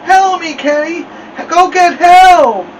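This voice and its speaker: A man's voice: fairly high pitch, lively intonation, slow pace, a bit bright, distant mic, a little hiss or hum, voice pushed up, low-quality recording. A man reading aloud, voicing a young boy whose lips are frozen, crying and mumbling his words. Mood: panicked. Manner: wailing, mumbled pleas.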